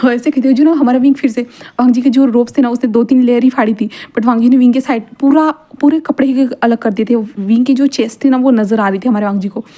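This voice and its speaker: A woman's voice: fairly high pitch, fairly even intonation, fast talker, few pauses, dark tone. A young woman telling a fan-fiction story in a rambling, casual way, with many restarts. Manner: rambling, frequent restarts and repeated fillers.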